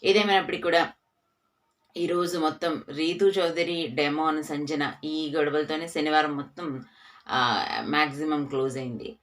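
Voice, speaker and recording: A woman's voice: low-pitched, steady tone, unhurried. A woman presenter narrating an entertainment news recap of a reality show in an emphatic, heated way.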